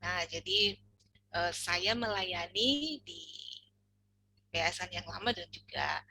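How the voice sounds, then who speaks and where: A woman's voice: fairly low pitch, takes it slowly, creaky, pushed and bright, low-quality recording. A woman from North Sumatra, a children's ministry trainer, introducing herself in a friendly, joking, conversational way at an online workshop. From North Sumatra, Indonesia.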